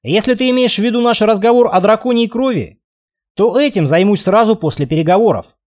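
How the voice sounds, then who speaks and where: A man reading a first-person fantasy audiobook aloud in a lively, expressive way. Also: sits high, a little fast. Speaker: audiobook narrator.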